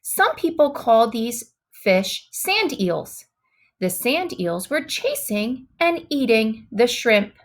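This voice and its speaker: This storybook reader is a woman with a high voice who goes slowly, lengthening the important words. Expressive and dramatic, she punctuates the children's tale with emphatic exclamations.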